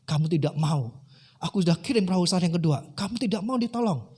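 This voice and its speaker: A calm, patient God explains himself plainly and without hurry, as a preacher voices him. The voice sits fairly high and stays even. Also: male voice, fast talker, slightly rough.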